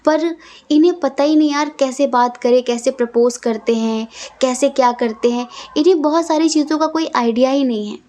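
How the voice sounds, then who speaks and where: High-voiced woman giving a tarot reading. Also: normal speed, warm tone. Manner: earnest, repetitive, addresses the viewer directly. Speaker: tarot reader. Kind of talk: casual tarot reading to camera.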